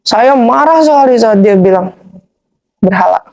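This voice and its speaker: A woman guest telling her conversion story in a casual, animated way, slipping into slangy informal speech as she replays old arguments. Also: on the high side, a little slow, gravelly. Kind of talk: casual spoken testimony.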